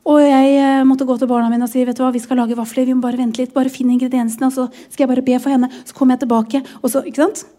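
A woman's voice: high voice, flat delivery, few pauses, mellow. A woman in her forties, a pastor's wife, sharing a personal testimony in a sermon, emotional and often close to tears.

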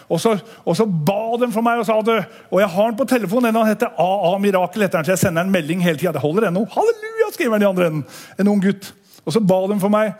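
A man with an unusually high voice delivers a testimony sermon to his congregation. He is animated and folksy, stresses his words hard and now and then breaks into a shout. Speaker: lay preacher giving a testimony. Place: church meeting hall.

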